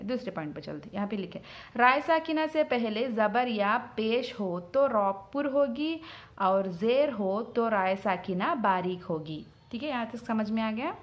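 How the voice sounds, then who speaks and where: A woman teaching rules of Quranic letter sounds, explaining patiently and repeating each point, drawing out sound examples slowly. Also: on the high side. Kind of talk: Quran recitation rules lesson.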